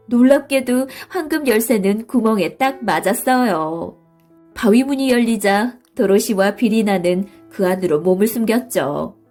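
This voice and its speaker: A woman narrating a bedtime story in a soft, slow, soothing way, with faint music behind her. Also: mid-range voice.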